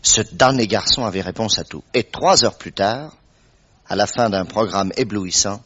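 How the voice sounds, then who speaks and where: A man acting in a radio drama as a wry, grumbling doctor who narrates as the detective's sidekick, with a husky voice and expressive storytelling. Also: lowish voice, normal speed. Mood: wry narrating. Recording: dull, muffled radio drama recording.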